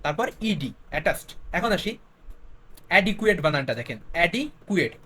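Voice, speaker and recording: High-pitched man teaching spelling. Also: big pitch swings, a little fast, bright, forceful tone. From Bangladesh. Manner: spells words letter by letter, explains with repeated questions. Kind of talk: spelling lesson for exam preparation.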